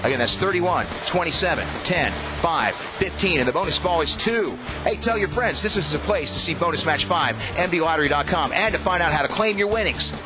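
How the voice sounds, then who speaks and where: A middle-aged man hosting a lottery drawing, announcing numbers in a booming, playful prize-announcer style. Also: animated, brisk. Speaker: radio personality hosting a televised lottery drawing. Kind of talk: scripted live announcing of drawn numbers. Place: TV studio. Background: music.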